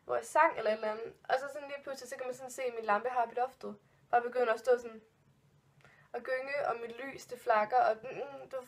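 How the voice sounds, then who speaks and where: A woman's voice: on the high side, steady tone. A woman in her twenties telling ghost stories in a casual vlog, rambling with many fillers and restarts, spooked and giggling nervously. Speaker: vlogger.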